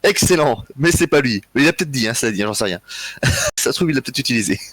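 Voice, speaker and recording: A tired man hosting a live history quiz, reading out chat answers in a relaxed, joking way with frequent chuckles. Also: medium pitch, fast, no echo. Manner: relaxed, joking, chuckles often, thinks aloud. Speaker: quiz host.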